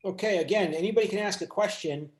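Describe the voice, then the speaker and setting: A man's voice: sits high, quick pace, reverberant. A man teaching an online university class, lecturing with many fillers and restarts over a video call. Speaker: university instructor.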